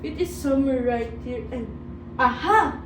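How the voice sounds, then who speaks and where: A woman voicing a sly, gloating female saboteur in a cartoon, plotting in a drawn-out manner. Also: high-pitched. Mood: sly scheming. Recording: echoey, distant, very noisy audio.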